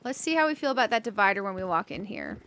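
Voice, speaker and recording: A woman's voice: medium pitch, very animated, fast talker, a bit bright, slight background noise. A woman streaming a cozy game, chatting casually with viewers and thinking aloud as she decorates, with giggly bursts. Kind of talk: casual gameplay commentary.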